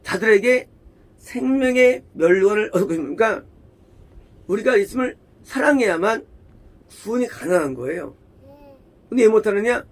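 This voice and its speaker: A man's voice: sits high, expressive, normal speed, long pauses. A man preaching a sermon as pastor, emphatic, repeating phrases and firing rhetorical questions at the congregation.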